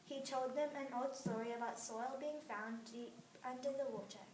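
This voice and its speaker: A woman reading a myth aloud as a storybook narration in a clear, steady voice. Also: a little high, normal speed. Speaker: reader. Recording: roomy, distant mic, faint noise.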